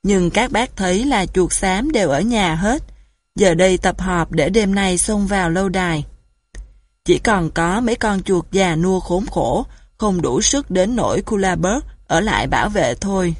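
Gloomy old crane, male, hoarse, grumbling storybook bird, read by a woman, dry close sound. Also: on the low side, lively intonation, measured pace, dry recording. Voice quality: hoarse, weak voice. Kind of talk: storybook narration.

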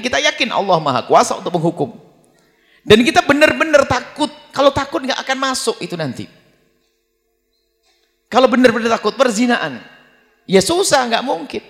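A man delivers an Islamic sermon in a high, lively voice that leaps up and down in pitch. His words ring out with the long reverb of a large hall. He now and then slips into a low mutter to mimic the people he talks about. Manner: animated, acts out quoted prayers in a low mumbling voice. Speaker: preacher.

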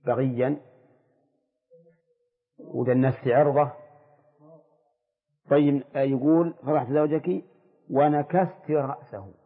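A man's voice: mid-range voice, slightly rough, phone-quality sound. Older man lecturing on an old echoey tape. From Saudi Arabia. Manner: questions the students, explains slowly. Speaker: sheikh teaching jurisprudence. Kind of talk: classroom lecture on fiqh.

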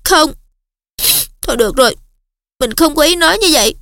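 A woman voicing an anxious, high-strung teenage schoolgirl in an audiobook. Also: animated, moderate pace, vocal fry, a bit bright, dry recording, clean studio sound, full character voice. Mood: upset. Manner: fretful, high-strung, insistent.

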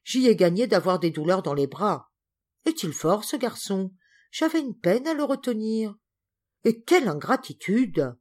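A woman voicing an excitable, indignant middle-aged spinster cousin in an audiobook, with exclamatory, melodramatic speech. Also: medium pitch, measured pace. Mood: grumbling.

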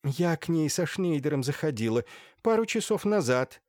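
A man voicing an anxious, fussy gentlewoman who clucks and complains. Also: very animated, normal speed, no room sound, studio quality. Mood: fretful. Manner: shrill clucking fuss.

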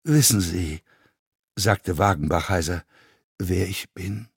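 Man voicing hoarse sick frightened male actor, faltering, dry sound. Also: mid-range voice, very animated, moderate pace, darkish tone, no echo, close to an everyday voice. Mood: strained. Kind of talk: audiobook reading.

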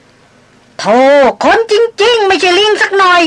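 A woman voicing a sheepish old male jungle hunter who pleads in a high, panicked voice in an audiobook. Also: animated, very fast, pushed and bright, slight background noise, full character voice. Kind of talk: audiobook character voice.

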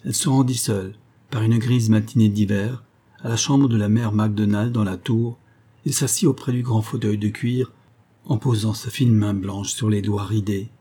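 A man with a husky voice narrating a gothic tale as an audiobook reading. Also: on the low side, steady tone, moderate pace, dark tone.

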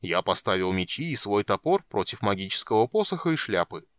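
Storybook dwarf, sly and sheepish gambler, read by a man, rambling, animated delivery. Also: on the low side, brisk, smooth, dry recording, studio quality.

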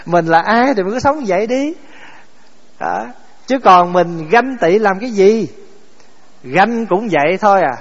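A Buddhist monk gives a dharma talk in a fairly high voice, repeatedly asking his audience questions and then answering them himself. His words echo through a hall with a dull sound.

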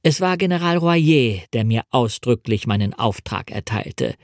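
A man narrating a first-person adventure novel in a measured, clear storytelling manner. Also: medium pitch, animated, no room sound, clean studio sound. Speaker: audiobook reader.

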